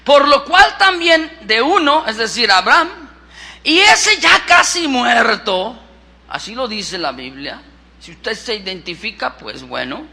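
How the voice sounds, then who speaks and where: A man with a Mexican accent, a pastor preaching a lively sermon and questioning his congregation. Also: very high voice, unhurried, gravelly. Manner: lively, acts out scripture, asks the congregation questions.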